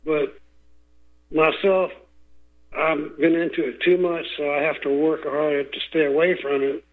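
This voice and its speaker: A man calling in to a radio show over a phone line, talking in an earnest, rambling way and often clearing his throat. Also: a little high, level tone, measured pace. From Houston, Texas. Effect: call-in voice heard over a phone line.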